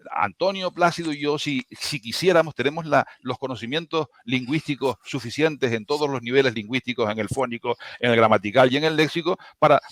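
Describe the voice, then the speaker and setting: With a slightly high, somewhat bright voice captured in a dry recording, a Canarian linguistics professor from Tenerife argues forcefully on a video-call panel. His Canarian Spanish accent comes through, and he keeps restarting and tossing in tag questions.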